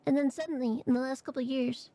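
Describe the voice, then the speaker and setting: A woman streamer chatting casually and haltingly, her voice phlegmy and rattly in the chest, congested from allergies. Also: high voice, steady tone, dark tone. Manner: halting, hesitant, trailing phrases. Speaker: vtuber streamer. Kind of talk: casual livestream chat.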